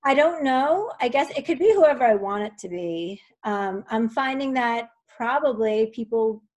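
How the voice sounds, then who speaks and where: A woman's voice: a little high, expressive, normal speed, a little mellow. A middle-aged woman asking for advice on a coaching call, hesitant and unsure. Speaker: coaching client. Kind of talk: casual chat.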